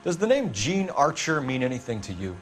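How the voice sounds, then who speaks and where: A man's voice: mid-range voice, sing-song, brisk, faint music behind, natural voice. Man playing hard, accusing police detective, swinging delivery. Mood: probing. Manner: accusing, forceful questioning. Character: hard-pressing young male police detective interrogating a suspect. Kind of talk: video game voice acting, 1940s crime drama.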